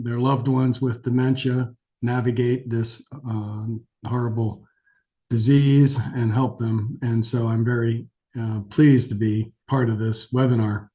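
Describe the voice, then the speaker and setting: A geriatric physician with a cold gives a webinar lecture to learners, his voice scratchy from the illness. The tone is mellow and soft-edged at a middling pitch, and he speaks conversationally, somewhat hesitantly, with self-deprecating humor.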